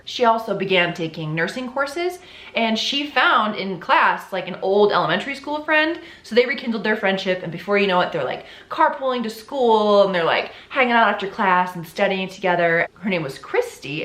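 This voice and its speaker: A woman's voice: medium pitch, fairly bright tone. A young woman hosting her channel, telling a true crime story in a chatty, sarcastic way with lots of "like". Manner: chatty and sarcastic, many "like" fillers. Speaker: channel host. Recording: roomy echo.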